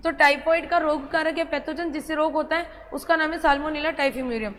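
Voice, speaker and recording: In a brisk classroom lecture at the board, a woman with a high, fairly bright voice and fairly even intonation teaches biology. She drills key terms, quizzes the students, and lovingly calls them child. Hall reverb and faint ambient noise are audible.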